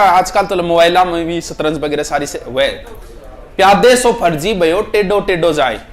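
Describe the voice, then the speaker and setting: A man with a Rajasthani accent and a voice that sits high teaches a class. He repeats each proverb and explains it chattily, using local dialect and jokes for his students.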